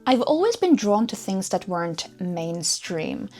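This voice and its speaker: A Norwegian vlogger in her twenties, speaking with a Norwegian accent, narrates her own story from a script in an earnest, upbeat way. Her lowish, mellow voice is very animated but unhurried, and faint music plays behind her.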